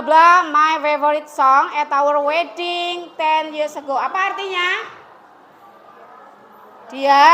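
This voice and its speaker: A woman's voice: high-pitched, bright, forceful tone, slight background noise. A woman English teacher leading a classroom lesson, coaxing and prompting her students to come forward and answer.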